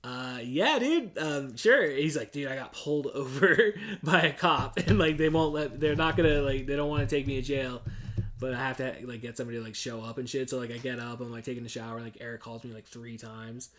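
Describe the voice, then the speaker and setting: With a brisk, fairly bright voice of medium pitch, a man in his forties hosts a laid-back podcast conversation. His storytelling is loose, broken up by frequent laughter, curse words, and plenty of "dude."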